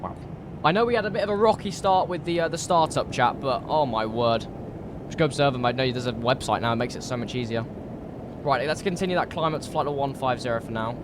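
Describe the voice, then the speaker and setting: Croaky British man live streaming over rumble. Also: quick pace. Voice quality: slightly croaky. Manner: chatty, informal, thinking aloud. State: recovering from a cold. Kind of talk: casual live stream chat while flight simming.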